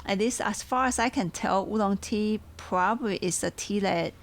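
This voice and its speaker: Here a woman with a Taiwanese accent, who hosts a podcast and sells tea, chats loosely and thoughtfully at normal speed. Her pitch is medium, and she occasionally hunts for the right word.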